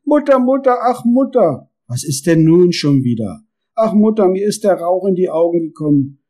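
A man's voice: a little high, expressive, normal speed, dark tone, lightly acted. A man voicing a small, disobedient boy beetle who whines and pleads, in a storybook reading. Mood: whiny pleading. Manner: pleading, tearful.

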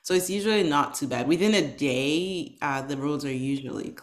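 A low-pitched woman from Nigeria, in her thirties, talking as an interview guest about her path into tech. She chats loosely, with fillers and restarts as she goes. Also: moderate pace, background noise. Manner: chatty, with many fillers and restarts. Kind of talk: casual interview chat.

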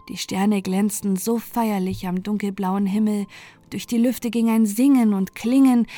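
A woman gently narrating a bedtime fairy tale, soft and sometimes dropping to a whisper. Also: mid-range voice, dry recording. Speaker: storyteller. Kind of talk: calm bedtime story narration.

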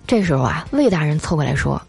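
Lively woman telling funny stories. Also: low-pitched, gravelly, faint music behind. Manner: lively, drawn-out "啊" fillers between phrases. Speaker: storyteller host. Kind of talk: scripted comic storytelling.

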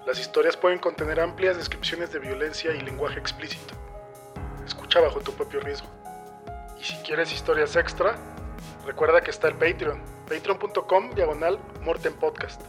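A man's voice: on the high side, moderate pace. Man, podcast host, formal intro, music bed. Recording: voice over music.

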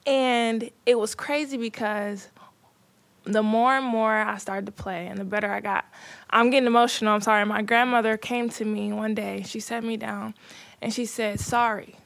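A woman who plays professional basketball, talking in a casual panel discussion as an animated storyteller. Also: medium pitch, moderate pace, gravelly.

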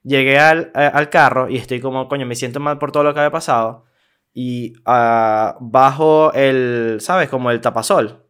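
A young man with a Venezuelan accent, casually telling a story on a podcast, slangy and animated, acting out what people said. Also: mid-range voice, normal speed, smooth. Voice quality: animated, slangy, acts out quoted voices. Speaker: podcast co-host.

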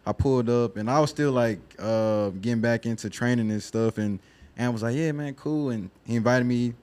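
A man's voice: medium pitch, fairly even intonation, moderate pace, darkish tone. A man in casual podcast chat, talking in slangy, emphatic bro talk.

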